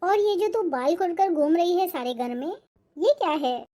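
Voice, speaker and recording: For a cartoon, a woman voices a strict, controlling middle-aged mother-in-law who scolds sharply. Her voice is very high-pitched yet dark in tone, expressive, and delivered at normal speed.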